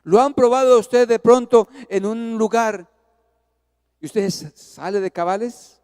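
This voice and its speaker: A man, a pastor preaching a sermon, swinging from hushed to loud as he acts out a story. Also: high voice, unhurried, smooth, big-room sound. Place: church.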